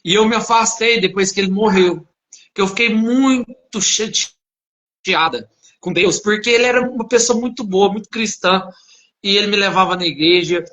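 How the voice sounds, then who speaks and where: High bright-voiced man preacher. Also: normal speed. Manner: animated, acts out dialogue in his story. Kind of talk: casual storytelling testimony.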